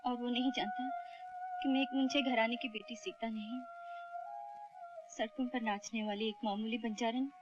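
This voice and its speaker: एक अभिनेत्री पुरानी हिंदी फ़िल्म में एक निडर, बेबाक युवा बंजारन लड़की का किरदार निभा रही है।. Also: female voice, on the high side, fairly even intonation, normal speed, long pauses, lo-fi sound, lightly acted. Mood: sorrowful. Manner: commanding and forthright. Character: bold young street-dancer woman, fiery and tender. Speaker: lead actress. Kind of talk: 1970s Hindi film dialogue. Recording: old film soundtrack with music behind.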